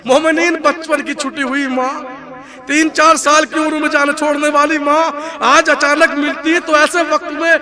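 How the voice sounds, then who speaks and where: A man's voice: very high-pitched, flat delivery. A man from India reciting an emotive, declamatory religious story to a gathering of believers. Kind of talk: mourning-gathering narration. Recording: live crowd noise behind.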